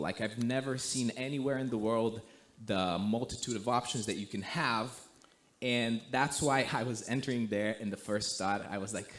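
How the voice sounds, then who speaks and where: A young man from Romania, a guest missionary, telling a story in a relaxed way, full of "like" and "you know". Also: medium pitch. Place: church sanctuary.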